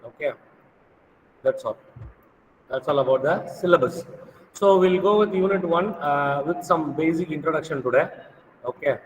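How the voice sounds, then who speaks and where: A man's voice: fairly high pitch, moderate pace, long pauses, in a large hall, a little hiss or hum, rough recording. A man with a Tamil accent giving an informal, instructive lecture to students, often repeating his phrases.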